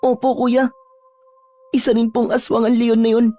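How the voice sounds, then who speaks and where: A woman's voice: a little high, level tone, normal speed, soft background music, lightly acted. A woman voicing a polite, frightened young aswang who earnestly begs to be hidden and protected, in a told horror story. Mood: earnest pleading. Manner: respectful, earnest, soft-spoken pleading.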